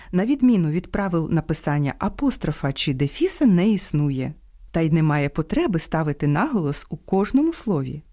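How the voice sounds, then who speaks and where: A woman hosting an educational radio program, reading a script in a measured, precise way. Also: fairly low pitch, warm tone, dry recording, studio quality. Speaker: radio host. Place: radio studio.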